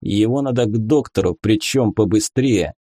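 Man voicing a gruff young ensign, curt, clipped, mellow low voice, storybook. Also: normal speed, no room sound, clean studio sound, close to an everyday voice.

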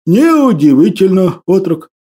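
A bewildered old hermit, fervent and pious, speaking in archaic churchly phrases, as a male storyteller puts him on. The voice sits high and swings widely, with a dark, mellow tone. An audiobook figure. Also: lively intonation, a little slow.

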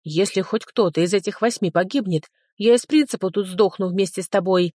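A woman's voice: medium pitch, brisk, darkish tone, dry recording, clean studio sound, natural voice. A woman reading a sardonic male hero. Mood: angry. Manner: curt, sarcastic, coarse.

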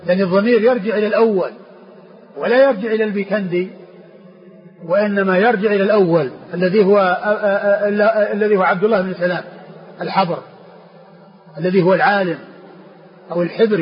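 A high-voiced man teaching as a sheikh, working slowly through a classical text. He repeats phrases and restarts words as he explains. The recording is dull and lo-fi, with a faint hiss behind him. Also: fairly even intonation.

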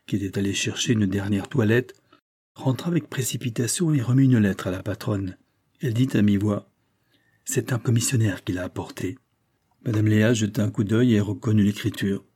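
A man narrating a literary novel in a measured, steady read. His voice is mid-pitched, dark and mellow, with a slightly husky grain. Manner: measured, even reading. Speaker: audiobook reader.

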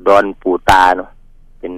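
A man from northeast Thailand telling the host a ghost story from his village in a halting, polite way, pausing and repeating words. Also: a bit bright, no room sound, poor audio. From Northeast Thailand, Mekong riverside. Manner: polite, addresses host as older brother. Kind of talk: casual spoken storytelling.

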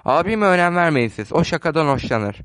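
A man's voice: on the high side, animated, a little fast, a bit bright, no echo. A man reading the part of a dutiful, slightly flustered woman of the house, speaking earnestly.

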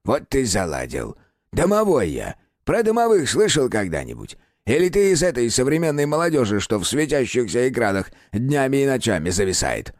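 A man voicing a small, furry, ancient house spirit in an audiobook, creaky and grumbling, teasing the boy he talks to. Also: mid-range voice, huge pitch swings, normal speed, no echo, clean studio sound, pitched above the performer's own voice. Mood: grumpy. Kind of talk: audiobook character voice.

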